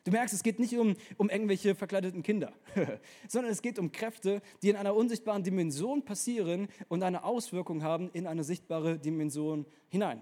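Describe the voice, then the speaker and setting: A young man preaching a casual, energetic sermon, talking straight to the listener in colloquial words. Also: high voice.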